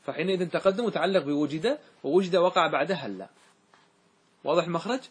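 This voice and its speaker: A man teaching grammar as a sheikh, chanting verses slowly and often asking his class whether it is clear. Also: a little high, lively intonation.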